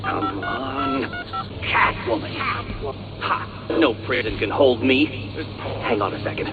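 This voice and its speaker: An actor playing an arrogant, petulant genius video game villain, pompous, wordy and theatrical in manner. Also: male voice, medium pitch, slow pace, a loud crowd, close to an everyday voice. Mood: flustered irritation. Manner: pompous, verbose, pedantic, theatrical. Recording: dull game capture under loud music.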